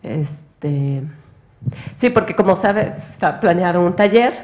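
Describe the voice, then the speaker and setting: A woman's voice: on the low side, lively intonation, unhurried, darkish tone. A woman moderating a university event, explaining the next steps in a hesitant way with filler words. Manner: hesitant, uses "este" filler. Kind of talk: organizing remarks. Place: university auditorium.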